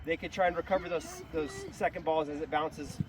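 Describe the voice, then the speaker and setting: This is a halftime pep talk from a soccer coach, delivered brisk and steady in a fairly high-pitched male voice. He explains what he wants and frequently checks comprehension with quick tag questions. The setting is an outdoor sports field with plainly audible traffic.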